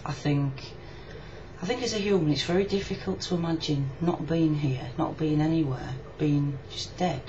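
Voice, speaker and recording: This video blogger from Yorkshire has a voice that sits low and sounds mellow, moving at normal speed. Indoors, she gives a casual, frank and reflective personal video reply, recorded through muffled lo-fi webcam audio with clear background noise.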